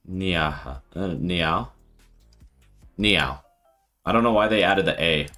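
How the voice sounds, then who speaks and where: A man streaming live and thinking out loud with casual commentary, laughing often. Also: deep voice, expressive, takes it slowly, soft background music. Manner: thinking aloud, frequent laughter.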